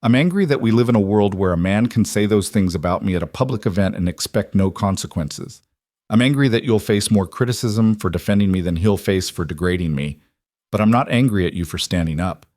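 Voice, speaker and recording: A passionate, resolute grown woman , as a man reads her lines, earnest and measured. The voice sits fairly low, and the recording is close and dry, with no room sound. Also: a little mellow, dry recording, natural voice. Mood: angry.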